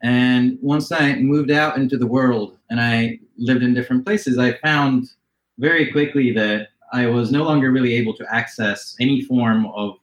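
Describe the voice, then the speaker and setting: A man from Norway talks as a podcast guest, thinking aloud and circling back with lots of ums. His voice sits in a middle pitch. The recording has a roomy echo around it. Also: steady tone, normal speed. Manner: thoughtful, rambling, with many fillers. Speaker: podcast guest, company co-founder. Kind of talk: casual interview.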